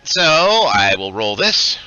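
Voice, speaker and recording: A man's voice: lowish voice, very animated, slow, bright, forceful tone, lo-fi sound, faint music behind. A man playing a tabletop game, casually narrating moves in a playfully dramatic way.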